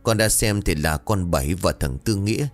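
A man with a low voice voicing a guilt-ridden old female servant who confesses in a hushed, tearful way. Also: moderate pace, soft background music. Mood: tearful confession.

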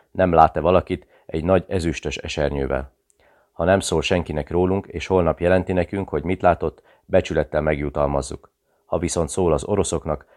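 A man's voice: very deep voice, a little mellow. A man voicing a cold, commanding male secret police chief in an audiobook, giving curt, menacing orders.

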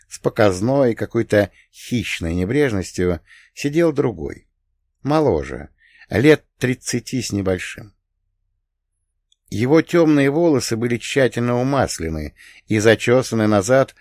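Male audiobook narrator, low voice, steady first-person read, dry close sound. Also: unhurried, no room sound.

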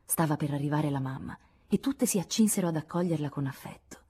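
A woman reading a novel aloud in scripted audiobook narration, at a measured, even pace. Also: deep voice, husky. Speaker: audiobook reader.

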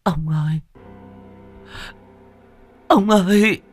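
A man's voice: high-pitched, extremely slow, husky, soft background music, voice pushed up, exaggerated voice. A man voicing a middle-aged mistress of the house, calling out frantically in a spoken storybook. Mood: anguished.

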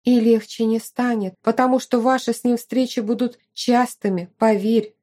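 A woman reading an audiobook puts on an outspoken young woman, a protective friend who talks emphatically and won't stop, pitched a bit higher than the narration. The tone is mellow and warm, and the delivery is lively and talkative. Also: normal speed, lightly acted. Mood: insistent. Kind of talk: audiobook character voice.

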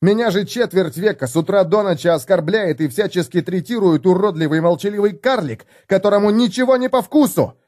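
A man voicing an indignant, fed-up young human adventurer who shouts in a raised, strained voice in an audiobook. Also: high-pitched, a little fast, hardly any pauses, pitched above the performer's own voice, close to an everyday voice.

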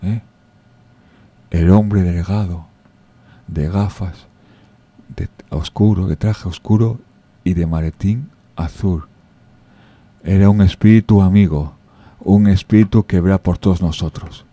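A man's voice: low-pitched, unhurried, pauses often, mellow, no room sound. A man with a Spain Spanish accent telling stories and jokes in a chatty way, talking straight to his listeners. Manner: chatty, addresses listeners directly, with restarts. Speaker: storyteller. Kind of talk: informal storytelling and jokes.

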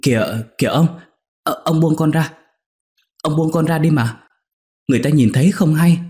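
A man voicing a coy, scheming young female servant girl who whimpers and pleads in a high voice. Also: lively intonation, normal speed, close to an everyday voice. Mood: coy, fearful.

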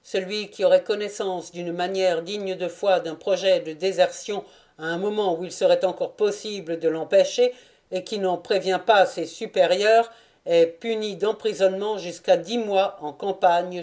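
A woman's voice: lowish voice, normal speed, close to an everyday voice. Woman reading a soldier reciting regulations. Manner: reciting, flat. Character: male soldier reciting military rules. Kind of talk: audiobook character reading.

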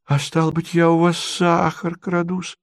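A man's voice: on the high side, completely flat delivery, unhurried, no room sound, studio quality, voice pushed up. A man voicing a quarrelsome provincial lady who squabbles shrilly and indignantly.

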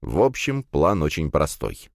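A man narrating a fantasy audiobook in the first person, in a lively storytelling manner. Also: very deep voice, measured pace, vocal fry, dry recording. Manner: lively storytelling with acted dialogue. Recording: dry close studio.

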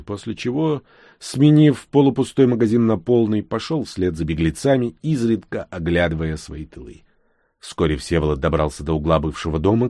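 A man reads an audiobook as scripted narration, telling the story in a steady, tense way. His voice is low, and the studio recording is clean and dry.

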